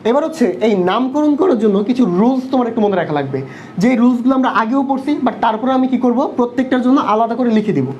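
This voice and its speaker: A young man teaching an online chemistry class, asking quick questions and answering them himself. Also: very high-pitched, lively intonation, a little mellow, a little hiss or hum. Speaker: chemistry tutor. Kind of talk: online live class lecture. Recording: dull lo-fi online class audio.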